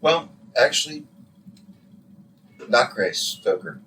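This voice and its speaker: A middle-aged man co-hosting a video game session, calm and explanatory in a casual way. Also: medium pitch, slow pace. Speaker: co-host, player's father. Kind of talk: casual gameplay chat. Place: home room while it rains. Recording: distant mic with faint noise.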